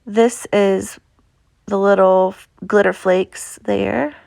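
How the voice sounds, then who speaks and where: A woman's voice: mid-range voice, steady tone, slow pace, gravelly, darkish tone, dry recording. A woman with an Appalachian accent talks through a craft tutorial in a casual, chatty, informal way. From Appalachia, United States. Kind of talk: casual instructional craft voice-over.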